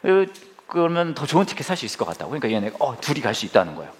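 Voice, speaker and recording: A man's voice: mid-range voice, very animated, racing. A man in his forties preaching a sermon, telling humorous family stories and speaking directly to the congregation. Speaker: pastor.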